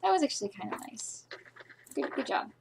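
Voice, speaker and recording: A woman's voice: high voice, big pitch swings, fairly quick, creaky, a loud crowd. A woman co-hosting a let's play, chatting playfully and joking while she reads game dialogue aloud. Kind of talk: casual gaming chat.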